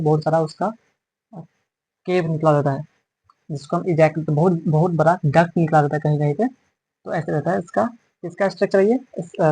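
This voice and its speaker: A man's voice: on the high side, mellow, slightly rough, no echo, poor audio. A man teaching biology in a classroom-style lecture, repeating and correcting terms as he explains and mixing English words into his talk. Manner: mixes English terms into Hindi.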